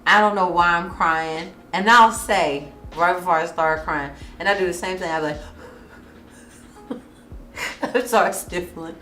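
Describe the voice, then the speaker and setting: A woman's voice: on the low side, steady tone, moderate pace, few pauses, sharp tone, echoey room. Frank, chatty pregnant woman in her thirties. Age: 30s. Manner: frank and chatty, bursts into laughter. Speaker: podcast host. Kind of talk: candid casual chat.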